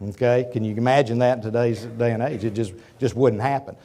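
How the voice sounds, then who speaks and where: Speaking a little quickly, a fifty-something man from Oklahoma gives a conversational, folksy public lecture as a guest in a university auditorium. He is a businessman with a cold that is costing him his voice, and he makes frequent asides to the audience. His voice is medium-pitched and dark-toned, with fairly even intonation.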